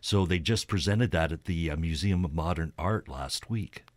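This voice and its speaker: A man co-hosting a radio program chats about music in a low voice at moderate speed, with no echo on the recording. He explains things informally and somewhat hesitantly.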